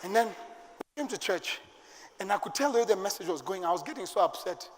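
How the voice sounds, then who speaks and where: A middle-aged man with a Kenyan accent, preaching a sermon to his church with fervour and sudden shouted bursts. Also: sits high, expressive, fast, background noise. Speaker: pastor. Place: church sanctuary. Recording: long church-hall reverb.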